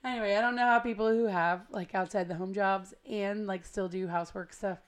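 An American woman hosting a podcast with casual, rambling, slangy chat, her gravelly voice hoarse and smoky from a cold. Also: mid-range voice, steady tone, fairly quick. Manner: chatty, rambling, self-deprecating, slangy. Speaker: podcast host. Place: at home.

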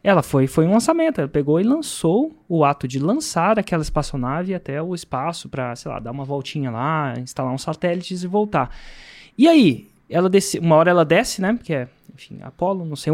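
Animated high-voiced Brazilian man. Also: quick pace. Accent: Brazilian Portuguese. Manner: animated storyteller, laughs often. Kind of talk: casual chat.

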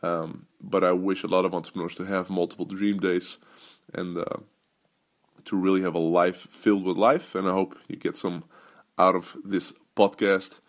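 Speaking in a low voice with little pitch movement at normal speed, a man from the Netherlands runs his own podcast as a business coach. The talk is loose and casual, full of fillers and restarts.

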